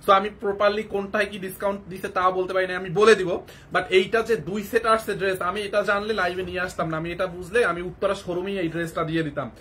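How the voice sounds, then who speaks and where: A young man from Barisal with a cold, hosting a live clothing sale in an excited, rapid hard-sell patter. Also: sits high, slight background noise. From Barisal, Bangladesh. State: has a cold. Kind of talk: live shopping sales pitch.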